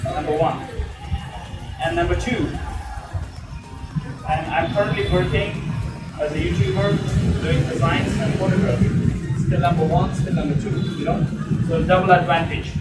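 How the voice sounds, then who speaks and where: A man's voice: sits high, fairly even intonation, normal speed, pauses often. A man teaching a spoken English class, coaching students with repeated prompts and questions. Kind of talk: classroom speaking lesson. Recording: roomy, far from mic, loud music behind.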